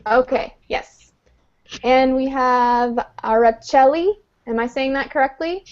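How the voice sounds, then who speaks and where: A woman's voice: sits high, unhurried, clean tone. A woman teaching an English class online, explaining patiently step by step with frequent "um"s. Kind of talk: live online lesson. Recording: dull lo-fi online call audio.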